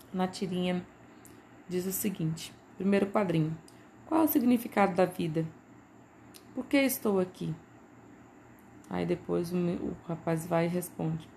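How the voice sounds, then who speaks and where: A woman's voice: fairly low pitch, gravelly, warm tone, a little hiss or hum. A Brazilian woman teacher giving a recorded lesson, talking patiently and checking in with listeners as she goes. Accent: Brazilian Portuguese. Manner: patient, repeats points with frequent "né" and "tá".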